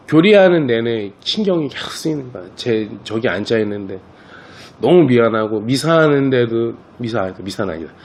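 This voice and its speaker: A man gives a children's catechism class as their priest, easing into a story and speaking straight to the kids. His voice sits at an ordinary pitch for a man. The recording sounds a little dull and lo-fi. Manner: relaxed storytelling, talks directly to the children.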